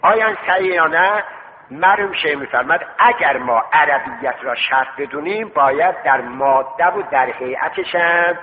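A man teaching a seminary class on Islamic law, asking rhetorical questions and answering them himself, and slowing down to repeat key terms. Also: on the high side. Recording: tinny lo-fi recording with long hall reverb.

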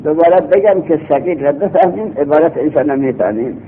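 A man teaching a grammar class, repeating each rule slowly and then explaining it in quick bursts, heard from an old cassette recording. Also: on the high side, a little hiss or hum. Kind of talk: classroom lecture. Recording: lo-fi cassette tape, thin phone-like sound.

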